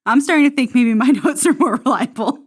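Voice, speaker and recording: A woman's voice: sits high, brisk, slightly rough. A woman co-hosting a podcast, recapping a movie in casual, joking chat and laughing often. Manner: playful, jokey, laughs often. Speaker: podcast co-host.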